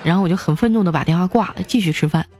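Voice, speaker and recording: A woman's voice: rapid-fire, faint music behind. Woman host reading funny listener jokes. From China. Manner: lively, jumps up in pitch for quoted lines and laughs at jokes. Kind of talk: comedic joke-reading show.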